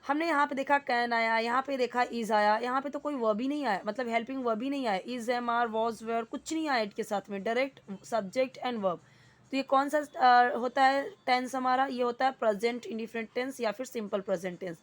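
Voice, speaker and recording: A woman teaching English in Hindi, patiently explaining grammar and reading English sentences slowly. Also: fairly high pitch.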